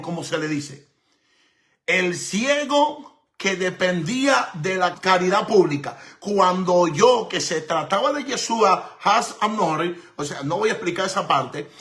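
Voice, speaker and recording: Male preacher, high bright voice, emphatic and repetitive sermon delivery. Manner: emphatic, repetitive preaching with rhetorical questions and Hebrew terms.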